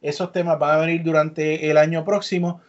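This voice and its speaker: A man's voice: a little high, level tone, brisk. A man hosting a podcast, chatty and upbeat as he leads the talk. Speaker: podcast host. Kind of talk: casual podcast chat. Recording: dull lo-fi podcast audio.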